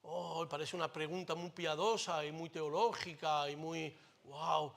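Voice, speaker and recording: Forceful Spanish pastor preaching. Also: male voice, on the high side, flat delivery, unhurried, vocal fry. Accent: Spain Spanish. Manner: emphatic preaching that swings between loud declarations and quiet, close asides; lighthearted jokes mixed into the preaching. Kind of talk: sermon. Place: church. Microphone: microphone.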